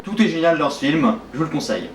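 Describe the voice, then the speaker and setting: A man's voice: on the high side, sing-song, quick pace. A man casually ranking his favourite films of the year in a chatty way, often saying "hein" and "du coup". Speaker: film reviewer. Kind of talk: casual film ranking video. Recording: roomy echo, far from the mic, faint background noise.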